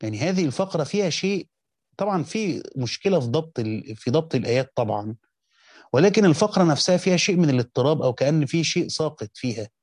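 A man's voice: on the high side, expressive, very fast, a little mellow, no room sound. A man with an Egyptian accent, reading passages from a classical commentary and explaining them in a teaching style, often breaking off and restarting mid-phrase. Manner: reads quoted text then explains in colloquial speech, with frequent restarts. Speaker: teacher of Quranic exegesis.

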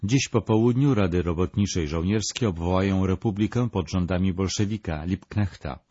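A narrator voicing a desperate, pleading chancellor. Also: male voice, low-pitched, normal speed, warm tone, slightly rough, dry recording, lo-fi sound. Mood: urgent.

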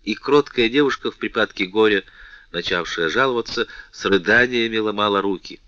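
Man, audiobook narrator, expressive, theatrical, low voice, muffled lo-fi. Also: fairly quick, no room sound.

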